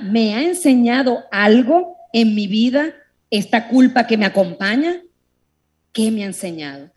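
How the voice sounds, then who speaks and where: A woman preaching a sermon to a live audience, animated, telling stories and speaking directly to her listeners. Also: medium pitch.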